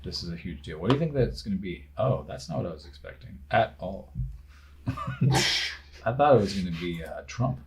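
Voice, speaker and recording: Low-voiced joking podcast host. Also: male voice, sing-song, moderate pace, a little hiss or hum. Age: 30s. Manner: joking, reads book blurbs aloud mockingly. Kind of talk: casual chat.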